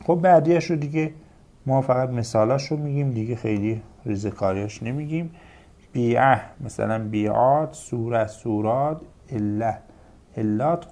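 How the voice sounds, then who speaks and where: Gravelly man reciting grammar examples. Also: medium pitch, mellow. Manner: lists example words in careful paired recitation. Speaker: teacher. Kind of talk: Arabic grammar lecture.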